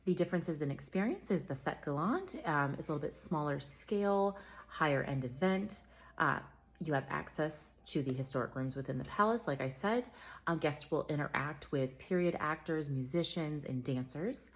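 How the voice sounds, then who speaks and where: A woman's voice: sits low, animated, normal speed. A woman vlogger explaining and comparing two events in a conversational way, with frequent fillers and self-corrections. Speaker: travel vlogger. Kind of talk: casual explainer talk.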